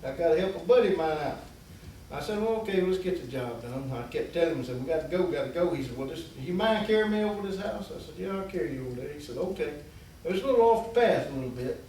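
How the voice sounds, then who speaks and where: A man's voice: on the high side, lively intonation, fast talker, mellow. A man telling a long folksy story in a rambling way, acting out the voices of the people in it. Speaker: guest storyteller. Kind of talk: casual storytelling. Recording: very echoey room, distant mic, faint hiss.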